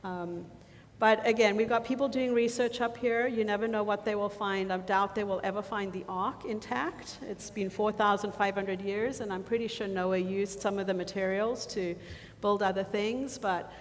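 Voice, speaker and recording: A woman's voice: mid-range voice, fairly even intonation, moderate pace. A woman presenting a mission trip slideshow to a church congregation, chatty and full of ums, often losing her thread and starting over. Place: church sanctuary. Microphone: handheld or lapel mic. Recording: reverberant church hall, faint noise.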